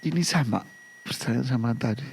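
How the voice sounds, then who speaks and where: A man teaching Islamic law on a live broadcast, answering viewers' questions in an animated, scolding way and firing off rhetorical questions. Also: medium pitch, brisk, gravelly, a little hiss or hum. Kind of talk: live religious Q&A lesson.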